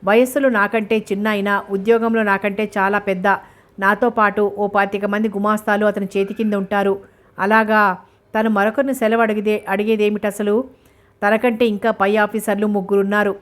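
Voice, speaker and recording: Woman reading a novel aloud, even tone. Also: medium pitch, normal speed. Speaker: narrator.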